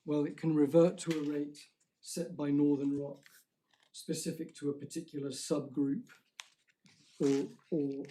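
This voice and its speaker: A man's voice: a little high, dark tone, slight background noise, poor audio. A man, a barrister making a careful legal submission in court, stressing key words and restarting phrases.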